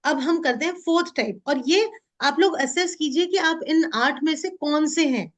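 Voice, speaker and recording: A woman's voice: sits high, normal speed. A woman in her forties, a mindset coach, leading an interactive training session and switching between Hindi and English. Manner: mixes Hindi and English, animated and demonstrative.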